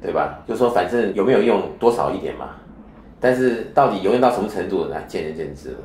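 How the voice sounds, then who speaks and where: With a very low, darkish voice and lively intonation, a male spiritual teacher talks fast in an interview. He lectures at length, often using rhetorical questions, and the echoey room has a faint underlying hiss.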